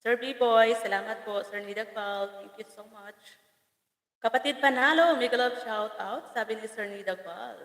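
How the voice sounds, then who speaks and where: A woman with a Bicolano accent chats casually to her live-stream viewers, teasing them and stumbling over their names. Her voice sits at an ordinary pitch for a woman. It comes through a phone in a reverberant room, with a long echo trailing each phrase. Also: moderate pace, a bit bright. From Bicol region, Philippines. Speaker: farm vlogger hosting a live stream.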